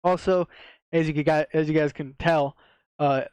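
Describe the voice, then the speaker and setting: A man's voice: a little high, fairly even intonation, moderate pace, a little mellow, clean tone, no room sound. A man with a slight lisp from wearing a retainer, giving casual, slangy sports betting commentary to viewers. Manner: slangy, swearing, repeats himself for emphasis. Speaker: sports betting tipster, video host.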